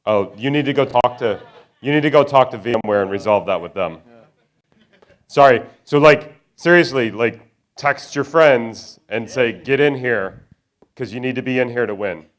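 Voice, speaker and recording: A man's voice: medium pitch, moderate pace. A man emceeing a conference prize giveaway, joking and urging people into the room. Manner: playful, jokey pirate talk. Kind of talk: live event hosting, joking between prize draws. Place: conference theater.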